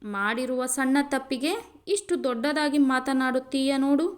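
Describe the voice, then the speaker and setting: A sulky, childish young bride with a pouting, whiny way of talking, as a woman narrator puts her on. Her voice sits fairly high. She sounds like a storybook reading. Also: moderate pace, natural voice. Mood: hurt sulking.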